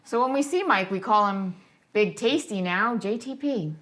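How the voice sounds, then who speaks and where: A woman guest on a podcast, chatty and quick to laugh while telling stories. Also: mid-range voice, animated, a bit bright. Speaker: guest cosplayer. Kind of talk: casual podcast chat.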